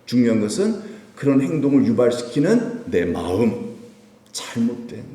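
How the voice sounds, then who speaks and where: A man preaching an animated Friday prayer sermon as pastor, acting out voices in the story as he teaches. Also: on the high side. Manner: animated, acts out the disciples' scolding in raised voice. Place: church sanctuary. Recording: echoey church hall.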